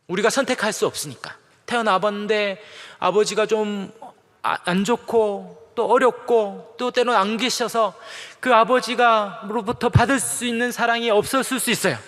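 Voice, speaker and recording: Man, pastor, middle-aged, high voice, conversational sermon, long reverb of a large church. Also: moderate pace, a bit bright. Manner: conversational preaching with playful acted-out quotes.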